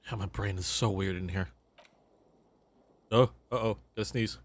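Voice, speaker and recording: A man's voice: on the low side, fairly even intonation, moderate pace, no echo. Joking male game streamer. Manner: chatty, joking, talks to the game. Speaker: let's play streamer. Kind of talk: casual gameplay commentary.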